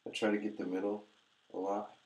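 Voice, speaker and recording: Male vlogger, deep-voiced, off-the-cuff and meandering with halting delivery, recorded in a heavily reverberant room. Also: level tone, darkish tone, muffled recording. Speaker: vlogger reviewing hair pomade. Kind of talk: casual chat to camera. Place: echoey room indoors.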